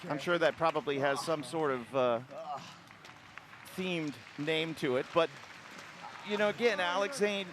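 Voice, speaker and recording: A man doing live play-by-play wrestling commentary, calling the moves with excitable bursts. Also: fairly high pitch. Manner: excitable, quick calls of the action. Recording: loud arena crowd and noise.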